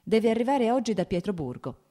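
A woman reading the lines of a young aristocratic officer in an audiobook, relaxed and lightly amused. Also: a little high, brisk, pitched above the performer's own voice.

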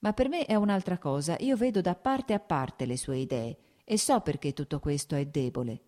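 A woman voicing a bitter, ailing man who argues in agitated, shouting outbursts, read as an audiobook character. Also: low-pitched, expressive, normal speed. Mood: irritable.

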